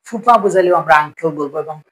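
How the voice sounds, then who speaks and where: In a low-quality recording, a man with a fairly high pitch and a bit of brightness teaches spoken English. He takes it slowly and patiently, repeating each phrase and frequently checking in with "ঠিক আছে?".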